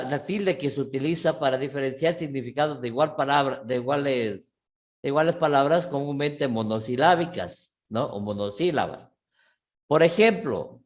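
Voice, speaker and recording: A man teaching a grammar lesson at an unhurried, deliberate pace, stretching out his words. His voice sits a little high for a man. He keeps pausing to ask whether the class is following and often stops to correct himself. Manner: patient, checks in with frequent "¿sí?"; restarts and self-corrects often. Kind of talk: online language class.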